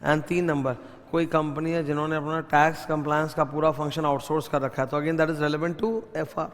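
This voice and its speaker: A man with an Indian English accent gives an exam revision lecture on auditing. He keeps quizzing his students and slips between Hindi and English. His voice sits fairly high, and a long reverb trails after it. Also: little pitch movement, a little fast. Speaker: audit teacher.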